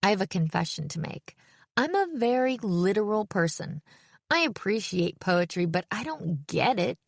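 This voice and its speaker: A woman's voice: mid-range voice, very animated, moderate pace, gravelly, no room sound. A woman narrating a first-person audiobook in a wry, self-aware storytelling manner, close to the mic.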